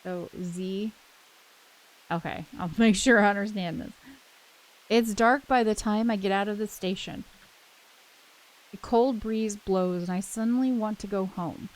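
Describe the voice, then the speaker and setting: With game music playing in the background, a woman hosting a let's play on her gaming channel moves between casual talk and reading visual novel text aloud. Her mid-range voice is a little slow with frequent pauses, and the recording quality is low.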